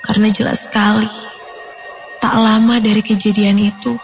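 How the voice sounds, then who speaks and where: A woman narrating a first-person horror story in a dramatic way, her voice climbing high with fear at the tense moments. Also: little pitch movement, normal speed, gravelly, low-quality recording. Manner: dramatic, rising to frightened high pitch. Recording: music playing behind the voice.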